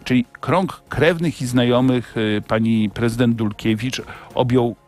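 A male radio host interviewing a politician in a morning studio, in an ironic, teasing way with quick pointed questions. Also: medium pitch, faint music behind.

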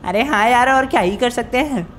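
A man's voice: extremely high pitch, brisk, fairly bright tone, pitched above the performer's own voice. A man voicing a whiny cartoon boy sidekick in a game video. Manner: whiny, starts lines with "arre yaar".

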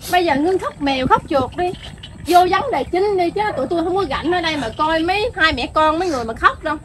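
A woman's voice: very high-pitched, lively intonation, fast talker. A woman playing a wronged wife who scolds and threatens her husband's mistress. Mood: threatening. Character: furious wronged wife, sharp-tongued. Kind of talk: comedy skit acting.

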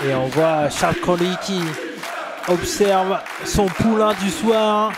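A man giving excited live wrestling commentary, exclaiming as he calls the moves. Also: high-pitched, slow pace. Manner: exclamatory, calling moves as they happen. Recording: loud crowd noise throughout. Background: roaring live wrestling crowd.

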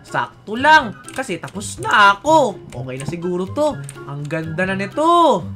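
A woman narrating a Minecraft role-play, excitable, playful and dramatic. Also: medium pitch, normal speed, faint music behind.

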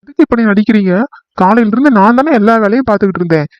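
A man voicing a fiery young village wife in a cartoon, who talks in a shrill, accusing, indignant way. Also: animated, rapid-fire, no echo, dull audio.

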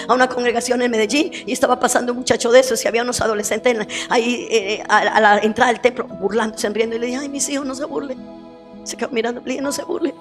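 A woman preacher giving a sermon, telling stories animatedly and acting out quoted voices. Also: on the high side. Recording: long hall reverb, faint music.

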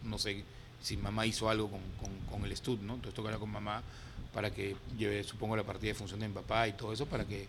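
A man's voice: lowish voice, level tone, fast, background noise. A man with a Peruvian Spanish accent, a racehorse owner chatting as a studio guest, talking in an emotional, rambling way full of fillers. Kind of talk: casual studio chat.

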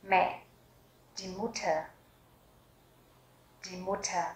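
Slow, careful woman teacher, echoey room. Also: lowish voice, steady tone, a little hiss or hum. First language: Vietnamese. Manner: slow, careful repetition of each word. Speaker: German language teacher. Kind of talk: vocabulary lesson with slow repetition.

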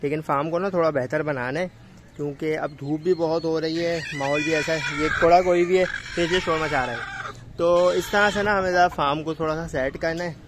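A man's voice: a little high, noisy background. A young man chatting casually while he walks through his outdoor animal farm and talks fondly to the animals, recorded on a phone held at arm's length. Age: young adult. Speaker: farm vlogger. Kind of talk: casual walk-through vlog. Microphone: phone camera held at arm's length.

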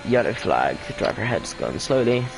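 A man's voice: fairly low pitch, big pitch swings, brisk, vocal fry, over music. Tired man commentating sim racing. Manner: hesitant, lots of ums and self-corrections; tired and yawning. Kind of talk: casual esports race commentary.

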